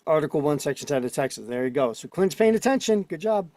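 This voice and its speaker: A man's voice: a little high, lively intonation, fast talker, darkish tone, no echo. A man teaching casually on a video call. He argues his points and keeps checking in with the listeners. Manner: argumentative, keeps checking in with "right?" and "okay?". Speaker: instructor.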